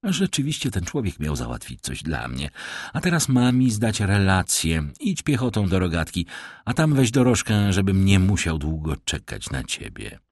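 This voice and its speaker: A man voicing a nervous young gentleman in an audiobook, speaking tensely while trying to sound in control. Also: sits low, very animated, slightly rough, no room sound, studio quality, exaggerated voice. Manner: tense, hurried, keeping up a lordly front. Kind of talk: audiobook character voice.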